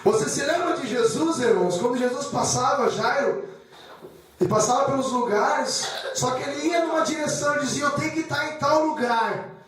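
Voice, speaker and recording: A man's voice: extremely high pitch, brisk, a bit bright, faint music behind. A man preaching a sermon with personal testimony, emotional and repetitive, calling the congregation brothers. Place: church hall. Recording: echoey church hall from far off.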